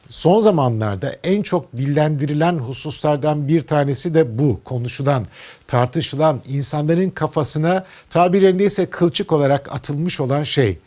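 A man's voice: fairly high pitch, darkish tone. A man with a Turkish accent interviewing a guest, asking earnest, probing questions about politics.

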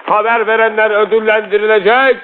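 Male actor as town crier, high voice, slow formal proclamation, stern period film role, tinny old soundtrack. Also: little pitch movement, lightly acted. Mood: proclaiming, stern. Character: loud town crier proclaiming military orders. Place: outdoor market streets.

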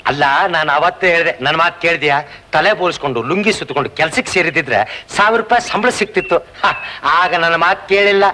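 An actor playing the hero's jittery, mocking young friend in 1980s film dialogue. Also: male voice, fairly high pitch, quick pace, bright, forceful tone, a little hiss or hum. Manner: mocking, then nervously pleading.

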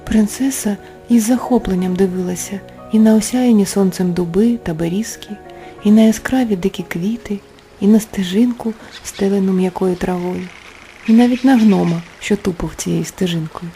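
A woman, the author, reading her own fairy tale aloud as storybook narration, expressive and animated. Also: medium pitch, normal speed. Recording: soft music underneath.

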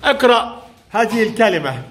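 A man's voice: high voice, big pitch swings, moderate pace, fairly bright tone. A male primary school teacher, giving a classroom reading lesson and prompting and praising pupils in short commands.

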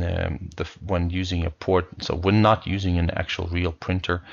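Low gravelly man explaining software. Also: muffled recording. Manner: relaxed, explanatory, many fillers. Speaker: software tutorial presenter. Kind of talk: screencast software walkthrough.

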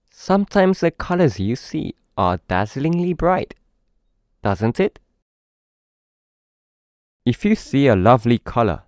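A British man reads a children's story aloud with expression, as if to a young child, his medium-pitched voice slightly mellow. The recording is clean studio sound with no room echo.

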